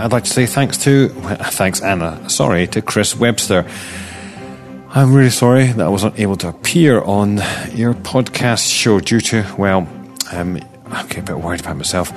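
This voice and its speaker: Chatty Scottish man, lowish voice. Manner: playful asides, self-deprecating. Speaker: podcast news host. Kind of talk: chatty news roundup.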